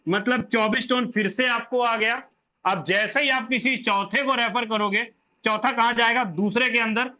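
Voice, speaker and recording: Male presenter with a sharp, bright tone and muffled sound, walking through a referral plan and repeating points. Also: very high voice. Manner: repetitive, asks and answers own questions. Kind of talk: explaining a referral income plan. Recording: dull lo-fi audio.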